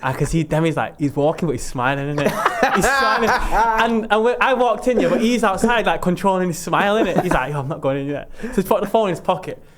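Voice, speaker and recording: A young man with a fairly high voice tells his stories at a rapid clip. He leans into slang and plays out each quoted line. His delivery stays animated throughout. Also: slight background noise. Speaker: podcast co-host, footballer. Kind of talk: casual chat.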